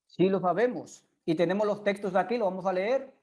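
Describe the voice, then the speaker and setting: A woman's voice: mid-range voice, brisk, mellow. A woman preaching a sermon in Spanish. She speaks earnestly and keeps turning to her listeners with direct questions.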